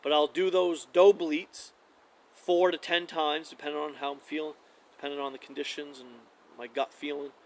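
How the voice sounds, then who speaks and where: A man giving a casual how-to demonstration of hunting calls, talking in a relaxed, conversational way with frequent fillers and restarts. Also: on the high side, moderate pace, rough recording.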